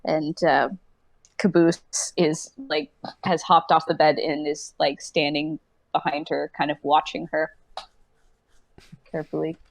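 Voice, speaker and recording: A woman narrating a tabletop game as game master, thinking aloud with hesitant pauses. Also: sits low, little pitch movement, creaky, no echo, rough recording.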